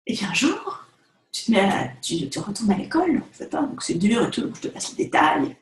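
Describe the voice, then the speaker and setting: A woman talking casually to the camera as a vlogger and photographer, chatty and animated, filling her talk with asides and fillers. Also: medium pitch, a little fast. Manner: chatty, animated, direct address with many fillers. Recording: echoey room.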